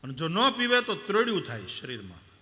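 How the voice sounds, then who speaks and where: A man's voice: fairly high pitch, fairly quick. A man giving a devotional sermon, telling anecdotes, acting out quoted voices and singing verses. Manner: animated, acts out quoted voices, sings verses. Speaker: religious storyteller.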